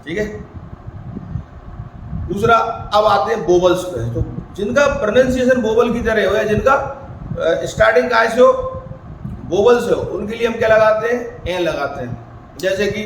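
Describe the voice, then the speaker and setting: A man's voice: sits high, moderate pace, pauses often. A male teacher giving a grammar lecture, asking questions and answering them himself, sometimes putting student questions in his own voice. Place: coaching academy classroom. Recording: echoey room with faint background noise.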